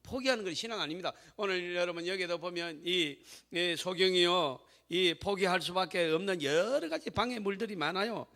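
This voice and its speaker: A man pastor preaching a sermon, telling a story emphatically and calling out to the congregation, moving from hushed to loud. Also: high voice, normal speed, hardly any pauses. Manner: swings between hushed storytelling and loud exhortation.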